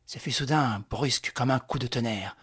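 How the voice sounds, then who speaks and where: Husky man narrating a novel. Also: medium pitch, a bit bright. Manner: measured, dramatic storytelling. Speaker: audiobook narrator. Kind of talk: scripted literary narration.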